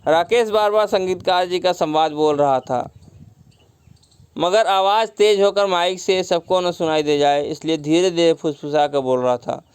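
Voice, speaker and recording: A man's voice: high-pitched, fairly even intonation, a little slow, smooth, no echo. A man teaching a story lesson, retelling each line and glossing words with simple synonyms, mixing in English words. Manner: mixes English words into the explanation.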